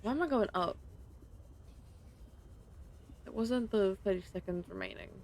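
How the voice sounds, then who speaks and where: A woman's voice: mid-range voice, unhurried, vocal fry, a little mellow. A woman streaming a video game, talking to herself in casual commentary, often frustrated and swearing.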